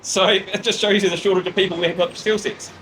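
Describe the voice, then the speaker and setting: A man in his fifties with a New Zealand accent, a guest in a casual interview, talking bluntly and briskly with many restarts. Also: high voice, fairly even intonation, a bit bright, a little hiss or hum. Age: 50s.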